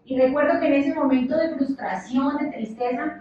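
A woman in her thirties, a church leader giving an impassioned, conversational sermon that swings between loud and soft. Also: high-pitched, moderate pace, slight background noise. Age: 30s. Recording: echoey, dull church hall sound with music, mic at a distance.

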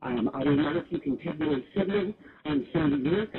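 A man's voice: fairly high pitch, brisk. A man's mumbled voice from a played-back recording, repeating short phrases. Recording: tinny phone-like playback with faint noise.

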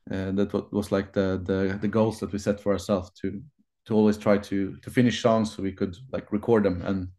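A man guesting on a podcast, talking about his band in a hesitant, unhurried way with many fillers and restarts. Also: lowish voice, warm tone. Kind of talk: casual interview answers.

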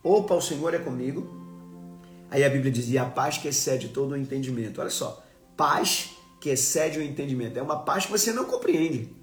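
Earnest preacher in an echoey room. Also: male voice, mid-range voice, expressive, soft background music. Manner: earnest, emphatic, often slowing to stress words. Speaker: preacher hosting a live stream. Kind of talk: live-stream devotional teaching.

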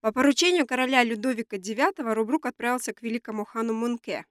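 A woman's voice: fairly high pitch, quick pace, dry recording. Woman podcast host w a stuffed up nose from a cold, chatty but prepared, dry sound. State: has a cold. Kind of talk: conversational podcast discussion with prepared facts.

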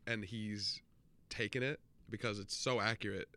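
A man's voice: lowish voice, fairly even intonation, moderate pace, bright, forceful tone. A young man co-hosting a podcast, talking in a profane, joking and emphatic way. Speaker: podcast co-host. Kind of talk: casual chat.

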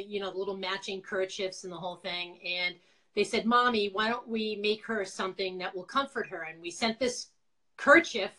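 A woman's voice: mid-range voice, sharp tone, poor audio. Middle-aged woman with a Boston accent. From Quincy, Massachusetts, USA. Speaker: interview guest, former nonprofit founder. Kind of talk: casual chat, telling personal story. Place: indoors, on a video call.

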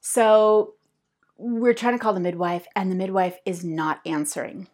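A woman's voice: medium pitch, steady tone, unhurried, a little mellow. A woman in her fifties hosts her own podcast and tells a long personal story in a loose, chatty way. She rambles, stops to restart her sentences and fills the gaps with ums. She laughs often as she talks. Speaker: podcast host.

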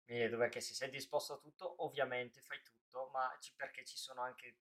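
A man's voice: mid-range voice, fairly even intonation, brisk, a bit bright. A man in casual live-stream talk, thinking aloud in long rambling answers full of restarts.

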